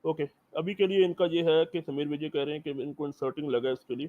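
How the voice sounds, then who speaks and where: A man playing a senior police officer in a roleplay, speaking calmly and procedurally over a bad, tinny voice-chat connection. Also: fairly high pitch, fast talker. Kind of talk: in-character roleplay, mixing Hindi and English.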